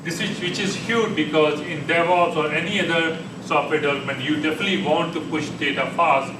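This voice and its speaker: At a meetup in a meeting room, a male conference speaker gives a conversational tech talk, often restarting sentences. He sounds a little high, steady and fairly quick, recorded on a distant mic in an echoey room with air conditioning humming.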